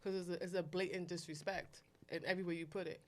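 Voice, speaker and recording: A woman's voice: lowish voice, fast talker. A woman talking bluntly and animatedly as a guest on a casual podcast. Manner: blunt, streetwise, animated storyteller. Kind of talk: casual chat.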